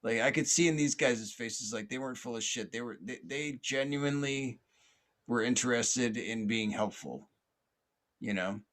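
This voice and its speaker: A man's voice: mid-range voice, moderate pace, a bit bright. A man hosting a podcast, telling a long personal story in a loose, rambling way. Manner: rambling, lots of fillers and restarts. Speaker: podcast host.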